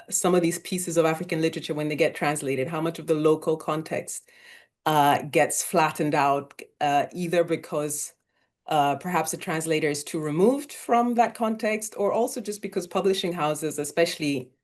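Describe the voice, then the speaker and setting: Thoughtful woman translator on a video call. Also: on the low side. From Sierra Leone and Uganda, raised in Kenya. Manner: thoughtful, hesitant, many fillers and restarts. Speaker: literary translator, panelist. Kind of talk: online panel discussion.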